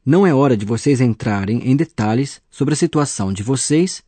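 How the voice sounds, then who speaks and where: A man's voice: medium pitch, lively intonation, moderate pace, mellow, breathy edge, dry recording. A man acting as a teacher, patiently explaining grammar in a scripted radio lesson. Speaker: language teacher.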